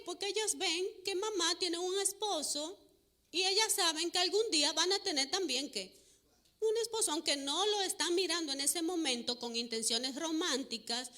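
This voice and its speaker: A woman giving a church parenting talk to a live audience, preachy, asking questions and answering them herself, acting out quoted voices much higher. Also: sharp tone. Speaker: parenting speaker.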